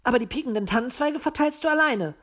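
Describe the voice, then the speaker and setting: A woman's voice: high voice, animated, fast talker, pitched above the performer's own voice. A woman voicing a touchy, huffy young male owl. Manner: prickly, huffy.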